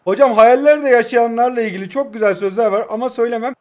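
A man's voice: very high-pitched, fast. A young man in his twenties giving casual, joking play-by-play commentary over a mobile football game, teasing himself and his viewers. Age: 20s. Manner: joking, teasing self-talk; excited play-by-play.

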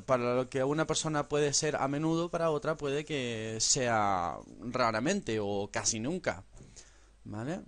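A man teaching an English lesson in a classroom style. He speaks, says English words slowly for the listener to repeat, and keeps checking in with a quick "¿vale?". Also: mid-range voice. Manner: tags sentences with a questioning "¿vale?".

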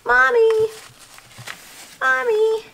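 A woman voicing an excitable little girl doll on her first shopping trip with her mom. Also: extremely high pitch, very slow, vocal fry, slight background noise, exaggerated voice. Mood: chatty. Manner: gushing, breathless with excitement. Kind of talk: toy doll play video.

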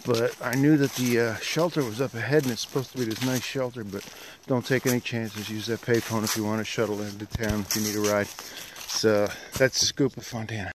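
With few pauses and a slightly fast delivery, the middle-aged hiker speaks at medium pitch with fairly even intonation. He's casually narrating a vlog into a handheld phone at arm's length on a wooded trail and dam, where outdoor background noise is clear.

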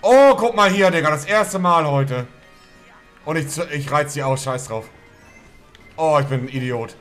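A man's voice: on the high side, normal speed. A man in his thirties ranting in crude slang as he streams a video game with friends, exasperated. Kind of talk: live gaming commentary with friends. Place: streaming room indoors. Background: loud game music.

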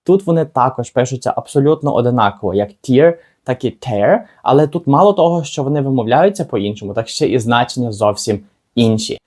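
A man giving a casual video lesson as an English teacher, asking the viewer questions and slowing down for example words. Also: medium pitch, animated, darkish tone. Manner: chatty, asks the viewer rhetorical questions, slows down for example words.

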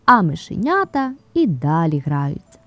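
A woman narrating a fairy tale in an expressive storyteller's manner, sometimes dropping to a whisper. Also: fairly low pitch, unhurried, no echo. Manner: expressive, softening to a whisper in places. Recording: dry close mic with soft background music.

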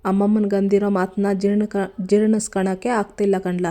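A woman's voice: mid-range voice, little pitch movement, brisk, dark tone, close to an everyday voice. Remorseful young village man, read by a woman. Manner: pleading, guilty.

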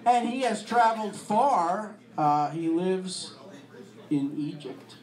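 A male event host introduces the evening's speaker with casual jokes. His voice runs a little high. A handheld mic carries it through a roomy, echoing event space. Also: takes it slowly. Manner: joking, chatty. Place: dim restaurant event room. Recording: echoey room.

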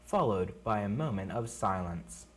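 Male school announcer over the intercom, mid-pitched voice, lively rise and fall, formal and measured.

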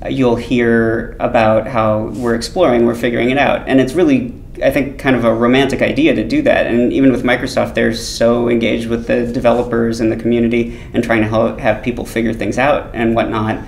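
A man's voice: flat delivery, fairly quick, vocal fry, hardly any pauses. A man in his thirties interviewing casually and thoughtfully at an expo booth. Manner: casual, thoughtful, many backchannels. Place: booth at a tech expo, indoors. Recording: roomy expo hall with faint rumble.

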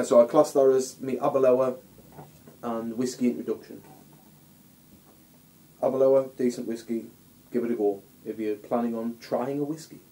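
A man's voice: medium pitch, mellow, low-quality recording. A man with a Scottish accent giving a casual, rambling whisky review, often stopping and restarting his sentences. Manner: rambling, halting, chatty with restarts.

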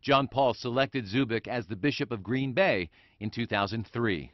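A man reporting a local TV news story in a measured, formal delivery. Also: medium pitch, dull audio.

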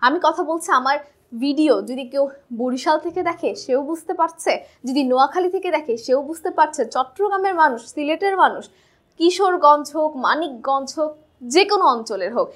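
A woman's voice: sits high, lively intonation, brisk. A woman from Bangladesh teaching a school textbook chapter in a chatty way, often checking with "right?".

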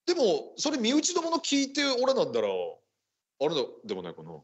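A man plays a bantering ninja chief who hosts a radio show. His husky voice moves freely up and down as he talks in old-fashioned samurai phrases. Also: very high voice, huge pitch swings, fairly quick, exaggerated voice. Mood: musing, bantering. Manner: archaic samurai-style speech. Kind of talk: in-character radio hosting.

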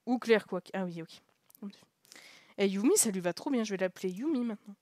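A young woman streaming a story game, chatting and joking as she reads it aloud. She laughs a lot and slips into quiet asides now and then. Her voice sits at an ordinary pitch and sounds dry and close, with no room echo. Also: lively intonation, normal speed. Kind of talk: casual live commentary while reading a visual novel.

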